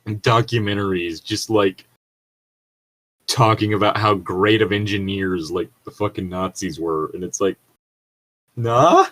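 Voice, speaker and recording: Another co-host on the story read-along alternates between reading the text and cracking crude, rambling, irreverent asides. He speaks on the low side at a measured pace, with long pauses and a slightly bright tone.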